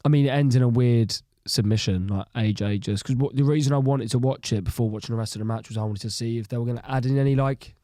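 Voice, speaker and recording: Mellow man, laughing and excitable. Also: medium pitch, fast talker, few pauses, dry recording, studio quality. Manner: excitable, laughs often, acts out reactions. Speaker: podcast co-host. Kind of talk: casual chat.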